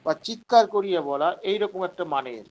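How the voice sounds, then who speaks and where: Bengali-accented male teacher, fairly high voice, patient question-and-answer lecturing. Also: animated, a little fast, a little hiss or hum, poor audio. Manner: explains patiently, poses questions then answers them; acts out quoted patients in a raised voice. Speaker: homeopathy teacher. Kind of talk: online lecture.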